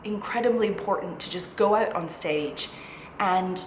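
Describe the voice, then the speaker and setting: A woman in her twenties, a postgraduate singing student at a music college, talks to camera as a vlogger at a medium pitch and normal speed. Her advice is chatty, informal, reassuring and encouraging, recorded in an echoey room with clear background noise.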